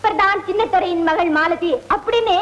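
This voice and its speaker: An actress playing a lively young daughter who coaxes and pleads with her father. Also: extremely high pitch, brisk, highs cut off. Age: young adult. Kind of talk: classic film dialogue.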